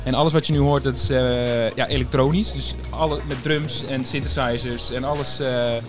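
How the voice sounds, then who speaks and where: Casting: male guest, mid-pitched, hesitant, fillers, faint music behind. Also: steady tone, moderate pace. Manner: hesitant, many fillers and restarts. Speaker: festival programmer, guest. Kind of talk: casual radio chat.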